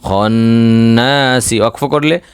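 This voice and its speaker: A man teaching Quran reading in Bangla, spelling out the words letter by letter and drawing out the vowels slowly. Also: medium pitch, fairly bright tone, clear, resonant tone, no room sound, clean studio sound. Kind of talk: spelling out Quran recitation lesson.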